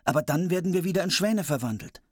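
An urgent young man under a spell, as a man puts him on, speaks in a raised, higher voice. He sounds husky and is recorded dry and close, as in a storybook reading. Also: animated, fast talker, no echo. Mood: regretful. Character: young man, one of six enchanted brothers.

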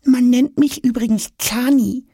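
A man's voice: extremely high pitch, very animated, normal speed, husky, no echo, clean studio sound, pitched above the performer's own voice, full character voice. A man voicing a chatty, trusting little pink braces case in a children's story. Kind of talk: audiobook character voice.

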